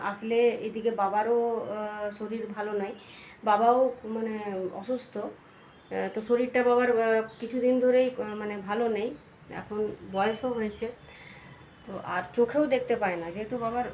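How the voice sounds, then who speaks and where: A woman's voice: medium pitch, darkish tone. A middle-aged woman with a Bengali accent, chatting casually for a home vlog in a homely, fussing auntie manner with simple repeated phrases. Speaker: family vlogger. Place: inside a home. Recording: noisy home video recording.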